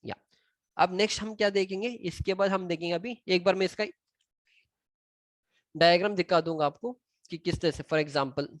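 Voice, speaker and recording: This is a screen-recorded tutorial where an Indian-accented man with a high voice explains civil engineering drawings at normal speed, pausing often. He code-switches between Hindi and English and counts items out loud as he points. No echo is present.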